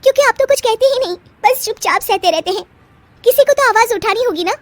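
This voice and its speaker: एक महिला द्वारा निभाई तेज़-तर्रार, बहस करने वाली नई बहू. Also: female voice, no room sound. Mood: defiant. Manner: sharp, sarcastic retorts, high and fast. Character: feisty young wife, quick to argue back. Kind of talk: storybook voice acting.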